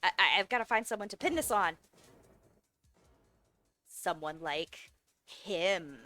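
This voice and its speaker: A woman's voice: lowish voice, lively intonation, takes it slowly, sharp tone, faint music behind, voice pushed down, heavily acted. A woman voicing a panicked male killer who mutters frantically to himself. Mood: scheming.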